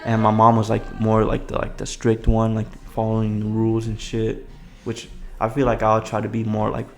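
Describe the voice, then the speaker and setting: A young adult man chatting casually as a podcast co-host, full of slang and swearing, with a gravelly voice. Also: fairly low pitch, monotone, normal speed, soft background music.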